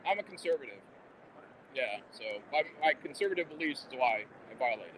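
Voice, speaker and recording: A man's voice: medium pitch, sing-song, fairly quick. A man walking and filming on a phone, chatting with bravado to viewers and people around him. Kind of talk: live phone vlog while walking. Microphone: handheld phone. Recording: faint venue noise, phone recording.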